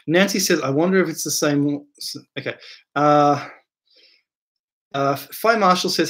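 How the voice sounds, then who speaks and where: A man with a fairly high voice hosts a casual live stream from home. He reads viewer questions out loud from the chat and answers them off the cuff. He rambles, repeating words and dropping in fillers.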